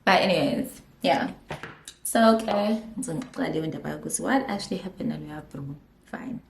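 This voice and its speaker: Getting ready at home, this young woman with a South African accent tells a storytime vlog in a casual, giggly way, sprinkling in Zulu phrases. She's a vlogger and makeup artist with a deep, creaky voice, and she takes her time. The recording has an echoey room sound.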